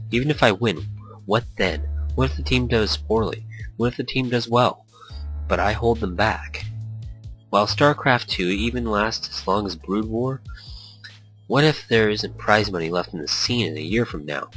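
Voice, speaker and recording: Faint music sits behind a man whose fairly bright voice runs on the low side. He narrates a visual novel aloud in a brooding, introspective first person, shifting quickly into brief character voices, and the recording is poor.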